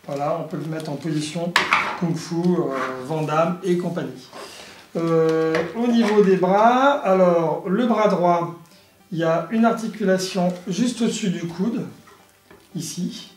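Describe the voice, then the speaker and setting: A man presents a product in a casual, halting, explanatory way, as in a hands-on toy review. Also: sits high, background noise. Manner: halting, explanatory, punctuated with little sound effects. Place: indoor room. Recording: echoey room, faint music behind.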